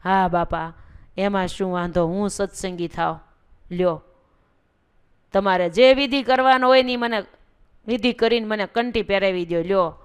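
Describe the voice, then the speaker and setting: A woman's voice: medium pitch, normal speed, long pauses, clean tone, lightly acted. A woman voicing a sick older village man who pleads plaintively to be healed. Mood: pleading.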